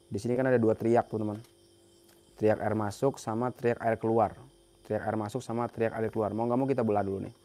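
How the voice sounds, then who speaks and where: Working in a workshop, a young man from Central Java, Indonesia, talks through a relaxed repair tutorial, repeating phrases as he goes. He speaks briskly in a lowish, dark voice with flat delivery, and a little hiss or hum sits under the audio.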